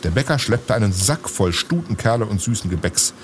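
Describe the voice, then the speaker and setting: Expressive deep-voiced male storyteller. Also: fairly quick, noisy background. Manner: expressive reading. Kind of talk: storybook narration.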